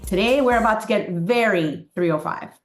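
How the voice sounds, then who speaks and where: A woman's voice: medium pitch, moderate pace, faint music behind. A woman hosting a podcast in a casual, upbeat way, laughing often and dropping Spanish words into her talk. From Miami, Florida. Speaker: podcast host. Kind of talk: casual interview. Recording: roomy echo.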